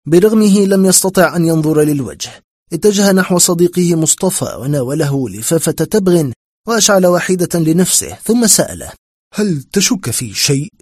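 Husky-voiced man narrating a horror story. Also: fairly high pitch, animated, a little fast, a little mellow, no room sound, studio quality. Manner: tense, dramatic first-person telling.

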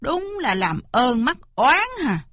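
A woman doing a gruff, grumbling old farmer. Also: on the high side, sing-song, slow, fairly bright tone, no room sound, studio quality, heavily acted. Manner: blunt, grumbling.

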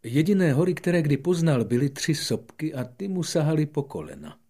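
A man narrating an audiobook fairy tale in an expressive storytelling manner, moving between soft and lively passages. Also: a little high, slightly rough.

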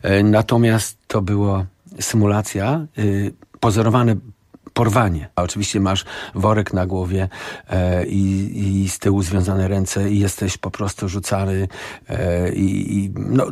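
A man being interviewed as a guest musician in a radio studio. He speaks haltingly and thinks aloud, often tagging his sentences with a question. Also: sits low, level tone, darkish tone, dry recording. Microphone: studio microphone.

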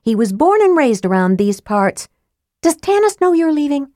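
A woman's voice: high-pitched, very animated, normal speed, dark tone, no echo, studio quality, voice pushed up. A woman voicing a fiery, jealous young woman who pleads and accuses in a raised, tearful voice. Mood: angry.

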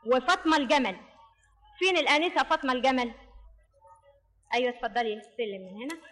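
A woman's voice: high-pitched, fast talker, fairly bright tone. A woman with an Egyptian accent hosts a live stage quiz show, calling contestants up and reciting rhyming riddles in a sing-song way. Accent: Egyptian Arabic. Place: theatre stage with audience.

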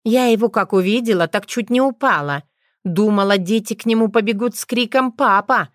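A woman's voice: mid-range voice, normal speed, no echo, clean studio sound, pitched above the performer's own voice, lightly acted. A woman voicing a brash, cheeky young witch with a folksy, teasing manner in an audiobook. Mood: mocking. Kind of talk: audiobook character voice.

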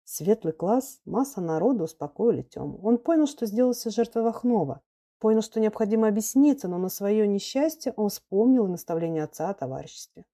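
A woman narrating an audiobook of classic prose in a calm, measured way. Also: medium pitch.

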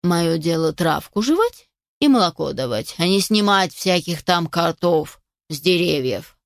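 A woman's voice: on the low side, no room sound, clean studio sound, pitched below the performer's own voice. A woman voicing a sleepy, self-satisfied cow who drawls lazily. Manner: lazy, drawling. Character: sleepy, smug female cow.

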